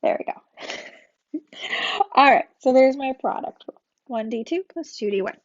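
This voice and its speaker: High-voiced woman teaching calculus, lo-fi. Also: expressive, unhurried. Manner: chatty, self-correcting, sings a memory rhyme. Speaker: math teacher. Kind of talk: recorded calculus tutorial. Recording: dull lo-fi audio.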